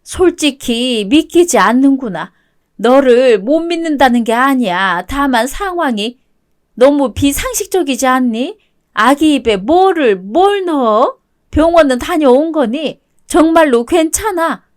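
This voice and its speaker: A woman's voice: high-pitched, animated, a little slow. A woman voicing a worried older mother-in-law, motherly and scolding, in a web-toon radio drama reading. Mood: concerned.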